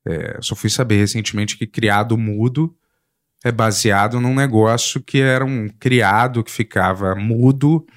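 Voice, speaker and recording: A man with a slightly low voice, chatting casually. He tells anecdotes and lets his sentences trail off softly. The sound is dry and close to the mic. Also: measured pace, no room sound. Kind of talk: casual chat.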